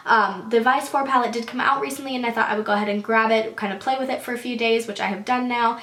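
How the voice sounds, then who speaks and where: A woman's voice: a little high, fairly even intonation, fast talker, fairly bright tone. A young woman in her twenties with a congested voice that has not fully recovered, chatting casually through a product review to camera, full of "like" and "so". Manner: chatty, frequent "like" and "so". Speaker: beauty vlogger. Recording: roomy echo.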